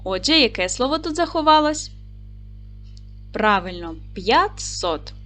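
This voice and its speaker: A woman teaching a recorded lesson for primary school children, speaking clearly and patiently to the class. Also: on the high side, sing-song, unhurried, pushed and bright, soft background music.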